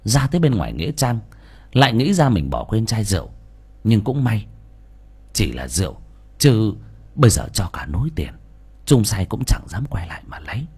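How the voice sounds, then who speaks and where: A man narrating a folk ghost story in a lively, colloquial, dramatic way. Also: fairly low pitch, moderate pace, pauses often, breathy edge. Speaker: audiobook narrator.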